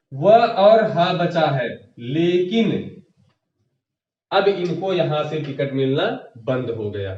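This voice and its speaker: A male teacher with a high voice runs an exam-prep grammar lesson. He poses a question, then answers it himself, and repeats each key term for his listeners. The sound is dull and lo-fi, echoing from a distance in the room. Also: darkish tone. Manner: asks the class questions and answers them himself; repeats key terms, addressing viewers as friends.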